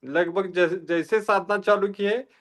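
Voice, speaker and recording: A man's voice: high voice, steady tone, unhurried. A man sharing his experience of practice with his teacher, hesitant and full of fillers. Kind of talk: casual testimony.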